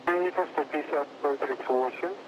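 A man with a fairly high voice acts as a mission control operator over radio. He gives procedural instructions step by step in a businesslike way. The link carries clear noise. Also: fairly quick, lo-fi sound. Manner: businesslike, step-by-step, acknowledging reports. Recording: noisy radio link, clear background hiss.

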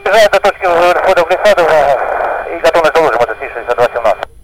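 A man speaking as a pilot over a cockpit radio headset, reading back tower instructions in brisk, clipped aviation phraseology. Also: fairly high pitch, lively intonation, slight background noise, rough recording. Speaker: pilot talking to the control tower. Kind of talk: radio call-and-readback.

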